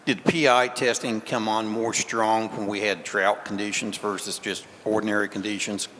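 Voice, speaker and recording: A man's voice: fairly low pitch, flat delivery, moderate pace, a bit bright, in a large hall, slight background noise, rough recording. A man in the audience asking a veterinarian direct, plain questions about cattle.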